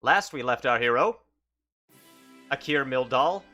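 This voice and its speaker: A hungover man improvising casual narration as a solo game master, halting and correcting himself as he goes. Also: mid-range voice, expressive, sharp tone, faint music behind.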